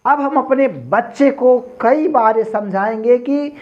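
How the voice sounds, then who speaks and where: Slow, deliberate male teacher. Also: very high-pitched, dull audio. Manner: slow, deliberate, repeats words and keeps addressing listeners as friends. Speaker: primary school teacher. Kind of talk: English pronunciation lesson.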